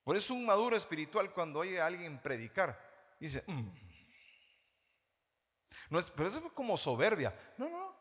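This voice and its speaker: A man with a Guatemalan Spanish accent preaching a sermon as pastor, animated, mimicking churchgoers in mocking voices. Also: high voice, a little fast. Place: church hall. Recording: reverberant church hall.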